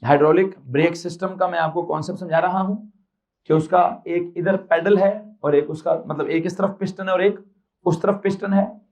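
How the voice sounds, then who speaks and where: A man from Pakistan teaching a physics class, mixing Urdu with English terms and slowly dictating notes, repeating phrases and quizzing his students. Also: sits high, fairly even intonation, a little mellow, rough recording. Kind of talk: classroom lecture.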